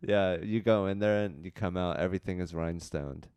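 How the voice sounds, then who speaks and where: A man with a very deep, dark and mellow voice chats as a comedian guest on a podcast. His delivery is casual and deadpan, with absurd joking. It is recorded dry and close to echo-free. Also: brisk, smooth, lo-fi sound.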